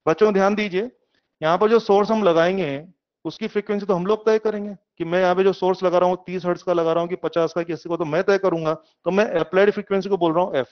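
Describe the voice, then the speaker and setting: Male teacher, middle-aged, high pitch, muffled lo-fi sound; lively lecture style, keeps quizzing students. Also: fast talker, clear, resonant tone. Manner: lively, asks students questions, uses homely examples. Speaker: physics teacher. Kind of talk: classroom lecture.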